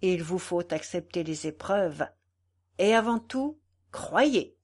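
A woman reading the lines of a gentle, devout old man in an audiobook, earnest and measured. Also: on the high side, lightly acted. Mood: solemn.

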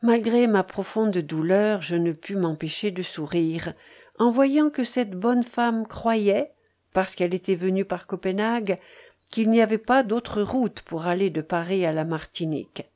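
A woman reading a novel aloud in a measured, mournful way. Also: medium pitch, darkish tone. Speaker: reader. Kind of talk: literary audiobook narration.

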